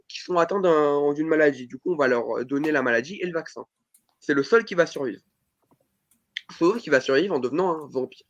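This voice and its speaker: A man's voice: fairly high pitch, dull audio. A man hosting a casual film podcast, rambling with many fillers and jokes at his own expense. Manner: rambling, filler-heavy, self-deprecating. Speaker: podcast host.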